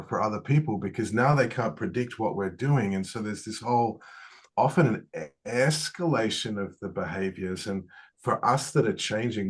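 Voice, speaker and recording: A man with a fairly low voice hosts an interview. He reflects aloud before asking questions, pausing now and then to search for the right word. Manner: reflective, thoughtful, searching for words. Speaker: interviewer, coach.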